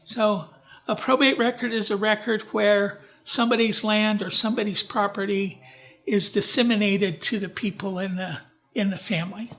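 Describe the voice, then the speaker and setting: Speaking at a library event, a man talks informally about genealogy using slides, his delivery halting with frequent restarts and questions for the audience. His high voice is steady and fairly bright.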